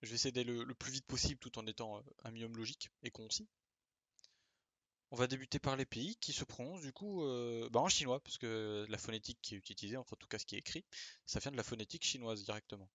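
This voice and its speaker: A man talks through an explanation in an informal, chatty voice of middle pitch. He hesitates often and drops slangy asides. The sound is dry and close, with no room around it. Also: quick pace, fairly bright tone, dry recording. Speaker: video creator explaining name pronunciation. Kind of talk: casual explainer.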